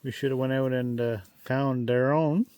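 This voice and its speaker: A man's voice: medium pitch, fairly even intonation, moderate pace, a little mellow, clear, resonant tone, no echo. A man vlogging casually at a campsite, joking and playfully boastful. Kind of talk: casual camping vlog chat. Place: outdoors at a backcountry campsite.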